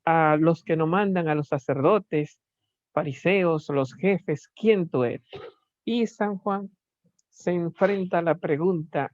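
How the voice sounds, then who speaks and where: A lecturer giving a recorded philosophy class, talking slowly and searchingly, pausing often and asking rhetorical questions. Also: medium pitch, darkish tone, no room sound, dull audio. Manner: slow, searching delivery with many pauses and rhetorical questions.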